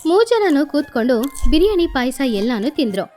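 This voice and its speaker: A woman narrates a children's cartoon story. Her voice is high and lively, rising and falling as she tells it. Faint music plays behind her. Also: normal speed.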